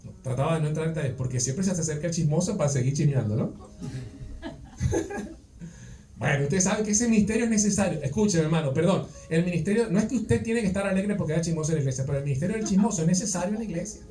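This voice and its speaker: A man's voice: on the high side, very fast, few pauses, mellow. A man preaching a sermon in a conversational way, asking his listeners rhetorical questions. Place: church. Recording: echoey church, distant mic, faint music.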